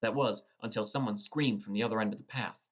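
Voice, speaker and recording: Reading first-person fantasy from a script, the young male audiobook narrator takes on a dramatic storyteller's role. He speaks at a quick pace in a fairly low register.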